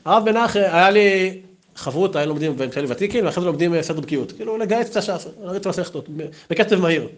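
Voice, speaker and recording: A man giving an anecdotal memorial talk as a yeshiva teacher, telling stories in a lively way. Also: high voice. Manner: lively, storytelling, acts out quotes.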